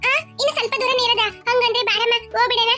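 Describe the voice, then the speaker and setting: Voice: very high voice, level tone, racing, bright, forceful tone. A performer voicing a fussy, tired middle-aged woman in a cartoon, complaining and bossy, with children's music behind. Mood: grumbling. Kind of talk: cartoon voice acting.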